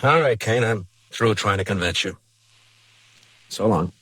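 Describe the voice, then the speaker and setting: A weary frontier marshal, low forceful voice, american, old radio western, patient but stern. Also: male voice, unhurried, breathy edge, no room sound, full character voice, low-quality recording. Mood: firm, resigned. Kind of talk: 1950s radio western acting. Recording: vintage radio drama recording.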